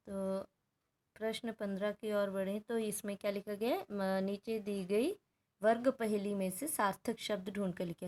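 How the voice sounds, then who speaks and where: A woman teacher patiently working through a Hindi grammar workbook, explaining each answer step by step and checking in with students. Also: mid-range voice. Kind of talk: workbook lesson walkthrough.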